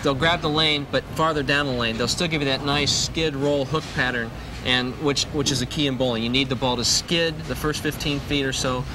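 Briskly and with fairly even intonation, a medium-pitched man in his thirties teaches grips and shoes as a professional bowler, repeating the important points. The instructional demonstration was recorded indoors at a bowling alley on a lapel mic, with background noise present.

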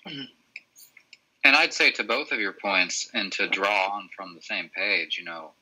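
Man, book club leader, low voice, very bright tone, video call. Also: takes it slowly, poor audio. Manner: asks follow-up questions. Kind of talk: casual group discussion.

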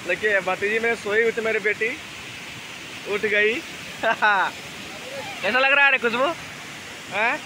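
A man's voice: sits high, slow pace, long pauses. A man narrating a travel vlog outdoors at a forest waterfall, enthusiastically inviting viewers along. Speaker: vlogger. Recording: outdoor phone audio with background noise.

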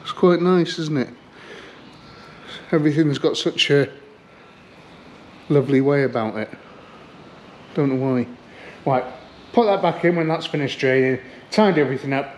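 Working on an old car in his garage or barn workshop, a man who restores classic cars on video talks casually to the camera and to himself. His voice is mid-range and relaxed, with a roomy sound and slight background noise.

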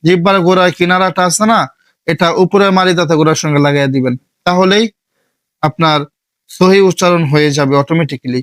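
A man from Bangladesh teaching an online Quran recitation lesson, patiently repeating each step slowly. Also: a little high, no room sound.

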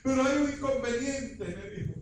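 A man preaching an impassioned revival sermon, rising to shouts. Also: very high-pitched, normal speed, slight background noise. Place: large church hall. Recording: echoey church from far off.

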